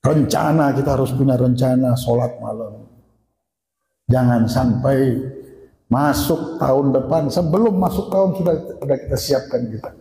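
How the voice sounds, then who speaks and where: A man's voice: moderate pace, dark tone. A man preaching a sermon in a mosque, retelling stories and acting out the quoted dialogue. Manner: acts out quoted dialogue with shifting pitch. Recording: echoey mosque hall with long reverb.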